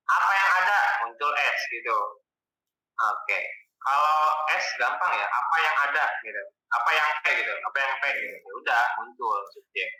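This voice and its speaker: A male tutor with a very bright, crisp voice, talking through the lesson in a loose, conversational way. He poses questions and then answers them himself. The sound is roomy and echoey, picked up from some distance off the mic. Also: medium pitch. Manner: relaxed, colloquial explaining. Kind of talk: casual exam-prep lesson.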